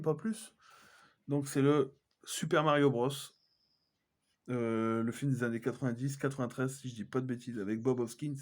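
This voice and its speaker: A man talks through his film collection in a relaxed, casual way. He hesitates often, filling pauses and correcting himself mid-sentence, at an ordinary middle pitch. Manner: chatty, hesitant, many fillers and self-corrections. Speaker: collector vlogger. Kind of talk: casual unboxing chat.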